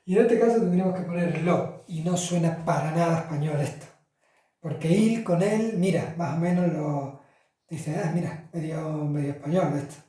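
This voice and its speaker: A man's voice: fairly high pitch, normal speed, mellow. A man teaching Italian articles to Spanish speakers in a chatty classroom style, with fillers and self-corrections. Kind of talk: casual classroom explanation. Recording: roomy echo, from far off the mic.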